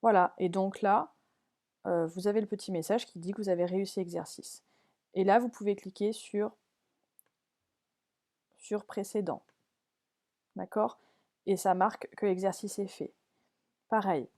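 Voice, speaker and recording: A woman's voice: medium pitch, fairly even intonation, a little slow, pauses often, darkish tone. A woman primary school teacher walking parents and pupils through a learning app on screen, step by step, patiently checking that they follow.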